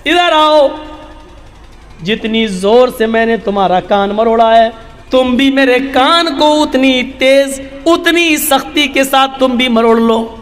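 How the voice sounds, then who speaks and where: A man voicing a stern, quick-tempered male ruler who speaks in commands, retold in a sermon with long hall reverb. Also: very high voice, a bit bright, pitched below the performer's own voice. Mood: insistent.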